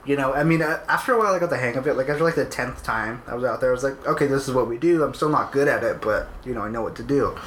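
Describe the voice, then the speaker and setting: A man's voice: mid-range voice, very fast, hardly any pauses, fairly bright tone. A young man with a Californian accent, telling stories casually as a podcast co-host, with slangy, sweary wording. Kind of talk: casual chat, storytelling. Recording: roomy echo, faint background noise.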